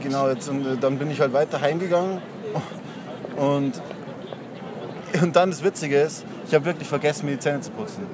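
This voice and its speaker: This young man, a street prankster, buttonholes passersby on a busy city street with rambling, deliberately pointless stories full of fillers, refusing to stop when interrupted. His voice sits on the high side, his speed is normal, and he pauses often, against noisy traffic ambience.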